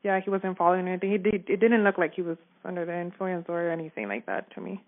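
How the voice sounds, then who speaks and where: Over a phone call, a store manager gives a casual, informal witness account, frequently checking that she's being understood. Her voice is fairly low and fast, and the phone-line audio sounds narrow and muffled.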